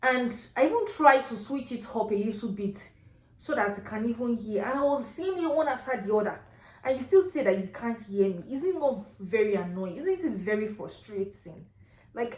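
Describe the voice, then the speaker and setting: A woman's voice: medium pitch, a little mellow. A woman with a Nigerian accent telling a casual story as a rant, exasperated and emphatic, repeating phrases for effect. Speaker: vlogger. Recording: echoey, reverberant room sound.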